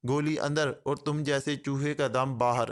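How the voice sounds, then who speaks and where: A man's voice: mid-range voice, flat delivery, close to an everyday voice. A man voicing a male secret agent who jokes mockingly, then speaks in a cold, hard tone. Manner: switches from joking patter to cold, hard tone.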